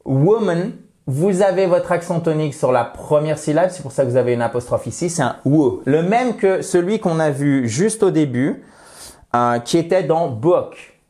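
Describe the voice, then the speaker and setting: A French-speaking man teaching an English grammar lesson, slowly and emphatically repeating example words with playful asides. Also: fairly high pitch, lively intonation, mellow. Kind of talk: lesson explaining grammar and pronunciation.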